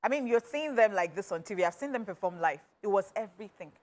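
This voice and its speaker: A woman's voice: medium pitch, animated, quick pace, darkish tone. A woman co-hosting a TV entertainment show, bantering playfully and hyping herself up. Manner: flamboyant, playful self-hyping. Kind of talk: lively studio banter.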